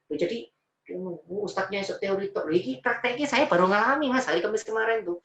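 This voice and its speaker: Fast-talking Javanese-accented male preacher, echoey room. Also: high voice, recorded from a distance. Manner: emotional, animated storytelling, mixing in Javanese words. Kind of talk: personal story in a religious talk.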